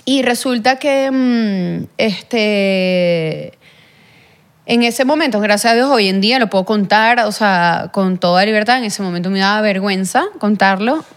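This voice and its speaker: A young adult woman, a podcast guest who tells a personal story in an earnest, halting way, full of fillers and restarts. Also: medium pitch. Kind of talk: personal testimony in a podcast interview.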